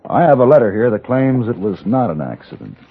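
An actor narrating and playing a cool, terse male gunman in an old radio western, measured and clipped. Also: mid-range voice, sing-song, slightly rough. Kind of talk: 1950s radio drama narration and dialogue. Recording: muffled old radio with music.

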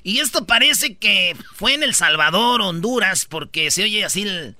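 A man's voice: sits high, animated, a little slow, sharp tone, dry recording. A man with a Mexican accent hosting a comedic countdown radio show, joking and acting out people's voices. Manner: jokey, acts out people's voices.

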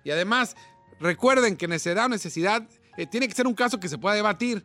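A man's voice: high voice, lively intonation, fast, bright, forceful tone, faint music behind. A man co-hosting a radio show, blunt and sarcastic with casual slang. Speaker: radio co-host. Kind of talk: comedic radio banter.

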